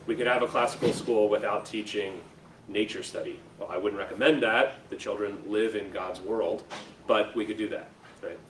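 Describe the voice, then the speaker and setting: A fairly low, slightly bright-voiced American presenter chats his way through an educational lecture in a school room, tossing "right?" and "okay?" to his audience. The recording is echoey, faintly noisy, and taken from a distant mic.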